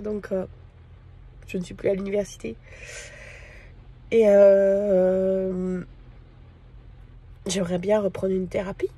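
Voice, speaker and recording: A woman from France talking casually to camera in a personal vlog, hesitant and full of pauses and fillers. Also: medium pitch, mellow, breathy edge. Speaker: vlogger.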